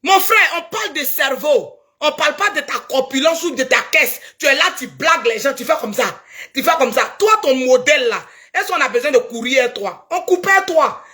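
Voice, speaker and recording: A woman's voice: high-pitched, animated, fairly quick, sharp tone. A woman with an Ivorian French accent delivering a heated, preachy video rant and scolding someone emphatically. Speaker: social media commentator.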